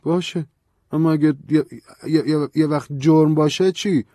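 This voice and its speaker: A man's voice: on the high side, huge pitch swings, slightly rough, no room sound, studio quality, voice pushed up, heavily acted. A man voicing an anxious young woman, an aspiring novelist, who asks nervous questions and stammers. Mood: anxious pleading. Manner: hesitant, stammering.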